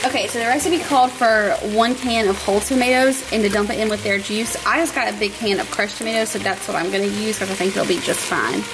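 In a home kitchen, a woman in her thirties hosts a cooking vlog, narrating casually as she goes. Her mid-range voice is fast with few pauses, chatty and informal, and she laughs easily over a noisy background.

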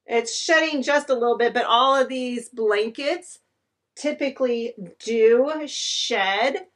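A slightly high voice moving at a slow pace belongs to a woman in her thirties doing a casual unboxing chat to camera. She gushes enthusiastically over home decor items in her living room, recorded by a camera across the room.

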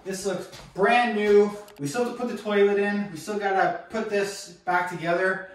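A young Canadian real estate investor gives a walkthrough tour of his renovation, talking to camera in an empty, echoey apartment while someone holds the camera a few steps away. His voice is high with fairly even intonation at a moderate pace. Upbeat and chatty, he keeps addressing viewers as guys.

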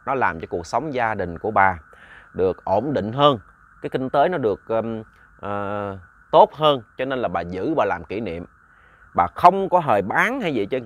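A man narrating a ghost story in a chatty, casual way, often repeating words and talking to listeners like family. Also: medium pitch.

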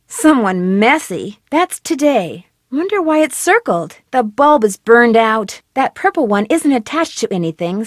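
In a high-pitched, full character voice, an actress plays an upbeat, inquisitive young detective who leads a video game, chattering brightly to herself with quick remarks. The recording is dry with clean studio sound.

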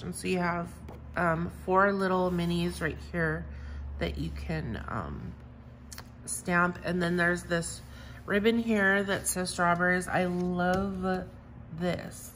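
Slow, gushing woman crafter. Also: on the low side, fairly bright tone, slight background noise, rough recording. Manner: gushing, enthusiastic, repeats "I love" and "so cute". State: has the hiccups. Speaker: crafting vlogger. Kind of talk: casual show-and-tell of stamps.

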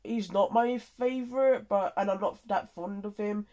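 Slow, congested nasal voice. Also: medium pitch, warm tone. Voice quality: congested, blocked-nose nasal sound. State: tired and unwell with a cold. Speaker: content creator. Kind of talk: casual update to followers.

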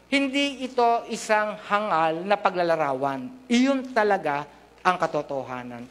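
A man's voice: high voice, fairly bright tone. A middle-aged man from the Philippines preaching a sermon into a handheld mic in a large church hall, mixing Tagalog and English and joking with the congregation. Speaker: pastor.

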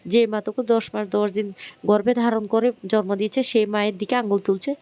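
A man's voice: high-pitched, quick pace, vocal fry. A man voicing a hurt, stern middle-aged mother who speaks with firm, emotional reproach. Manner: pleading then stern.

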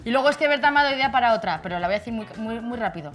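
Spanish woman, teasing, jokey, fairly high pitch, faint music behind. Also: animated, fairly bright tone. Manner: jokey, teasing, sings slowly in a mock tune. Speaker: guest pharmacist. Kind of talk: playful chat with improvised singing.

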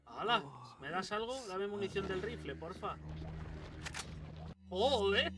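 A man with a Spain Spanish accent giving excitable let's play commentary, swearing a lot and talking back to the game. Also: sits high, takes it slowly, distant mic, background noise. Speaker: gaming YouTuber. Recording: game gunfire loud behind the voice. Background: loud game gunfire and ambience.

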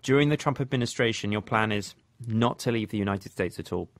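A man's voice: lowish voice, a little fast, no echo. Male reporter asking questions, dry sound. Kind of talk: interview questions.

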